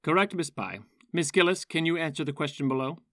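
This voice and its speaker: A woman's voice: sits low, brisk, a bit bright, dry recording, clean studio sound. A woman playing a strict male village schoolteacher in a period audio drama, clipped, formal and scolding. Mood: brisk, formal.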